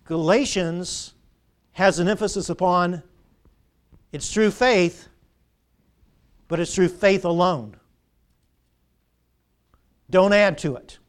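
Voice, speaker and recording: A high-pitched male preacher in middle age delivers a sermon in a church. He drives his points home with repeated phrases and call-and-response questions to the congregation. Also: slow, long pauses, clear, resonant tone.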